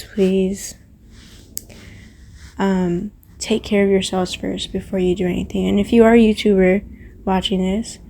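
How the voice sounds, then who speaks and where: A woman's voice: medium pitch, mellow, a little hiss or hum. A woman YouTuber giving her viewers an earnest, rambling heartfelt message, repeating herself for emphasis. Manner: rambling with many fillers. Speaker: Roblox YouTuber.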